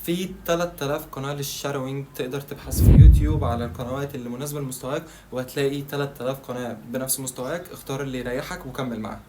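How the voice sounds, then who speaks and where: Speaking very fast with few pauses and fairly even intonation, this medium-pitched man has an Egyptian Arabic accent and creates language-learning videos. His tutorial is casual and chatty, aimed straight at the viewer, and he asks himself questions he goes on to answer, all against background noise.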